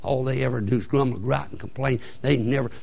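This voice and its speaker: A male preacher voicing a fed-up old male prophet who mutters low and exasperated. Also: steady tone, brisk, gravelly, a little mellow.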